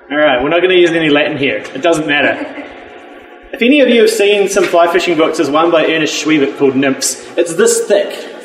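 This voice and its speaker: Speaking to a live audience in a meeting room, a New Zealand man, a university professor, runs a workshop in an eager, informal way, his pitch fairly high. Frequent ums and restarts pepper his talk, recorded in an echoey room with faint music in the background.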